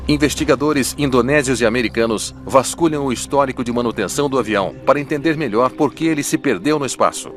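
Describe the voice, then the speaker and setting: A man's voice: mid-range voice, fast talker, hardly any pauses. A man with a Brazilian accent giving dramatic scripted documentary narration as a voice-over. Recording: studio voice-over with music bed. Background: music.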